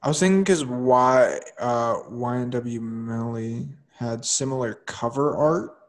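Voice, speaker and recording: A young man hosts a relaxed podcast chat with a friend. He talks loosely and laughs often. He fills his pauses with ums and likes as his thoughts trail off. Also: mid-range voice. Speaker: podcast host. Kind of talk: casual chat.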